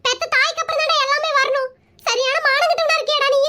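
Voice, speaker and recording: A woman voicing a quick-tempered elderly mother-in-law in a cartoon skit, scolding and whiny. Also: fairly even intonation, bright, forceful tone. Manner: shrill, scolding and wailing.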